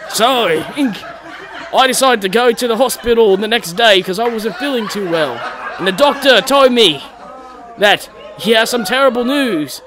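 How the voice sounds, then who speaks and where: A man's voice: extremely high pitch, expressive, moderate pace. A man performing a stand-up routine on a club stage, chuckling through his own punchlines. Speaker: stand-up comedian. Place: comedy club stage with a live audience. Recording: loud crowd and club noise.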